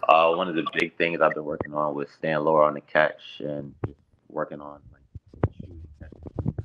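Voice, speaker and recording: A young man in his late teens answering interview questions remotely, soft-spoken with many fillers, his audio cutting out and his volume jumping up and down. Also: rumbling low, monotone, normal speed, muffled recording, a little hiss or hum. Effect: audio cutting out with uneven volume. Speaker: basketball recruit being interviewed. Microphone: hand over the phone speaker, fading off mic.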